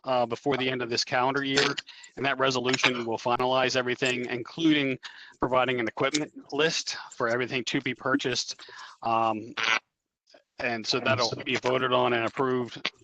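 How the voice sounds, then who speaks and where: A man giving a measured budget briefing to a council, with many fillers. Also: medium pitch, background noise. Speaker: budget official.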